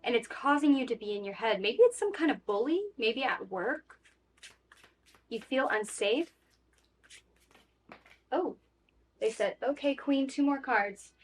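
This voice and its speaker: A woman's voice: fairly high pitch, lively intonation, unhurried, long pauses, slight background noise. A woman giving a casual, reassuring tarot reading in a chatty way, with frequent fillers. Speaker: tarot reader.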